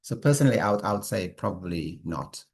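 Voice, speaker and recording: A man's voice: on the low side, animated, quick pace, creaky, a little mellow. A man, a doctor, answering audience questions in an online webinar, hesitant with many restarts, on a video call. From South Africa.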